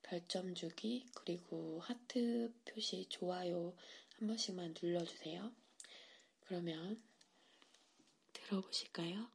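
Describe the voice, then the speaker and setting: Husky, hushed, lower-voiced woman host. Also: slow pace. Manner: hushed, often slipping into whisper. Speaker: ASMR creator and host. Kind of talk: soft podcast-style introduction to listeners.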